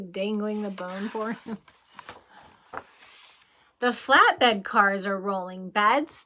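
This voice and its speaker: Reading a rhyming picture book to her kindergarten class, a woman with a slightly high voice uses a slow, sing-song delivery, stopping now and then for gentle questions to the children.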